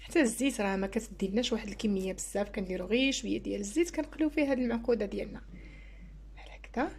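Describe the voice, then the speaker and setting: A woman's voice: medium pitch, racing, darkish tone, slight background noise. A woman with a Moroccan Arabic accent hosting a home cooking channel, walking viewers through each step of a recipe in a chatty way as she works in her kitchen. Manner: chatty, explains each step while working. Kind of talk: cooking tutorial voice-over.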